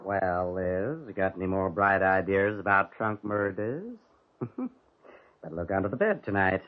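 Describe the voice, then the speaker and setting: A man's voice: sits low, lively intonation, a little slow, very noisy. An actor playing a teasing, easygoing husband in a 1940s radio drama, joking with his wife. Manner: joking, stammers when shaken. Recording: dull old radio broadcast.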